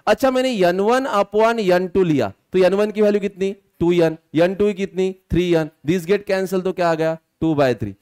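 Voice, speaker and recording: A male physics teacher, lecturing a class, quizzing students and slowly dictating formulas. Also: sits high, a little mellow, clean tone.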